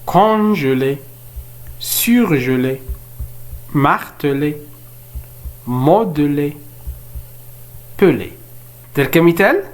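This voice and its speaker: A man teaching French grammar in Arabic, explaining quickly and then slowly spelling out French verb forms one by one. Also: fairly high pitch. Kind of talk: bilingual grammar lesson.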